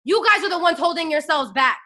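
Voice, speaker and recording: Brisk and expressive, a woman in her twenties with a very high, sharp-toned voice delivers a fiery, preachy pep talk over the phone. As a network marketing team leader, she rallies her listeners through call-and-response.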